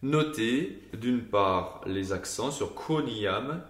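A man's voice: medium pitch, animated, extremely slow, echoey room. A man teaching Gregorian chant to a choir, explaining the melody and now and then singing short examples.

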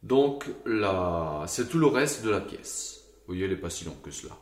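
A man's voice: deep voice, big pitch swings, normal speed, roomy sound. A man teaching Gregorian chant to a choir, explaining the melody and now and then singing short examples.

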